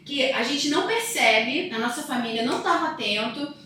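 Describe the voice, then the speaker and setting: A woman's voice: high voice, animated, normal speed, bright, forceful tone, recorded from a distance, a little hiss or hum. A woman in her thirties, a psychologist who is a guest on a podcast, talking casually and telling stories with emphasis. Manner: storytelling, emphatic. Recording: echoey room, voice from off-mic.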